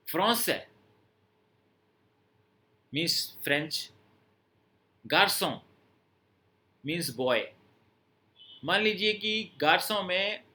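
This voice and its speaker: A man's voice: fairly high pitch, sharp tone. A man teaching a language lesson, explaining step by step and checking that students understand. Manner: explains step by step, repeats words and asks students if they understood. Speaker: French teacher.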